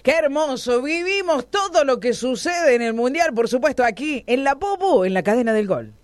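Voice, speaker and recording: A man's voice: very high voice, lively intonation, normal speed, a little hiss or hum. A man with a Rioplatense accent hosting live sports radio from the studio, keeping his remarks brief and upbeat. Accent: Rioplatense Spanish.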